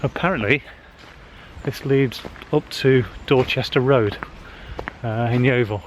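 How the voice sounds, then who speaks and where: A man's voice: medium pitch, takes it slowly. A man, chatting casually to a handheld camera while walking a wooded hill path, slightly out of breath, with frequent fillers. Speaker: social media marketing vlogger. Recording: faint outdoor noise.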